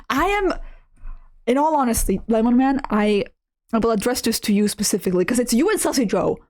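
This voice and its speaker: A woman hosting a casual livestream, chatting playfully with her viewers and breaking into animated exclamations. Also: medium pitch. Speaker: livestream host, artist. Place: indoor room at a computer.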